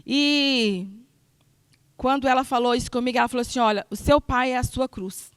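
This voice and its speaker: A woman giving a sermon testimony in church, earnest and emphatic, moving between soft and loud passages. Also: high-pitched, moderate pace, clear, resonant tone, no echo. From Brazil.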